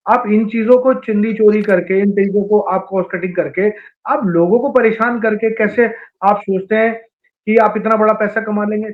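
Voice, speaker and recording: A man with a fairly high voice speaks as a veteran pilot in an interview clip, indignantly piling up complaints. His voice comes through a narrow, tinny phone-like line. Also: fairly even intonation, normal speed. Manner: indignant, complaining, listing examples.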